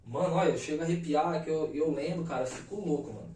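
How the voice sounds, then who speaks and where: A Brazilian man in his thirties, a podcast guest, telling a personal story in an animated, emphatic way full of slang fillers. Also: a little high, quick pace, a little hiss or hum. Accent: Brazilian Portuguese. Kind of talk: casual storytelling. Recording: roomy echo, mic at a distance.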